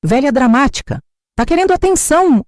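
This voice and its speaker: A woman's voice: sits high, animated, normal speed, mellow, dry recording, clean studio sound, pitched above the performer's own voice. A woman voicing a scheming young daughter-in-law with a Brazilian accent, sugary and falsely polite. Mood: condescending. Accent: Brazilian Portuguese.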